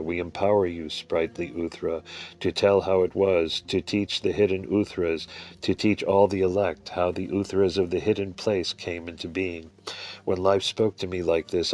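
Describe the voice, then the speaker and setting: A man reading an old religious text aloud in a measured way, sometimes halting and restarting a line. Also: low-pitched, a little mellow. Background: faint music.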